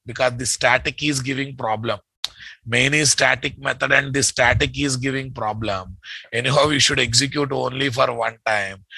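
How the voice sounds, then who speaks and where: A man's voice: mid-range voice, vocal fry, sharp tone, husky, dry recording, rough recording. A man with a Telugu Indian English accent teaches programming live, thinking aloud, repeating phrases and checking with his students through short questions and tags. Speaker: programming instructor.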